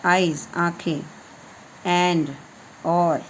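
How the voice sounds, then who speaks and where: Woman teacher, reading lesson, spells words letter by letter, very slow delivery, faint background noise. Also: on the low side, steady tone, low-quality recording. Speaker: English teacher.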